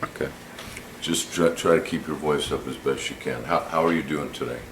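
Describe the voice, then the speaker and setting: A man's voice: very deep voice, fairly even intonation, moderate pace. A man serving as the plaintiff's attorney, questioning a witness in a courtroom with patient, plain questions and small restarts. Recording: echoey courtroom audio with background noise.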